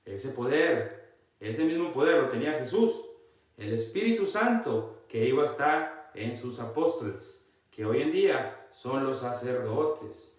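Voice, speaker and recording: Slow, echoey preaching man. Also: medium pitch, expressive. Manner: emphatic, often repeating "look" to the listeners; reads scripture aloud slowly. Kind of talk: Bible-reading sermon. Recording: very echoey, mic far from speaker.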